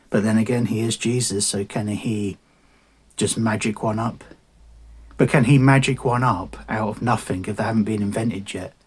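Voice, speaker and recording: A man's voice: on the low side, husky. A man, an artist answering viewer questions in a casual, rambling way, swearing freely and laughing at himself.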